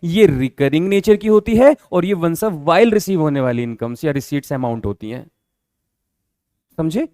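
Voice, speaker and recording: A man's voice: a little high, expressive, moderate pace, warm tone, no room sound, studio quality. A man teaching an accounting class, explaining patiently, repeating key terms and checking often whether the students have understood. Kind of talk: classroom lecture.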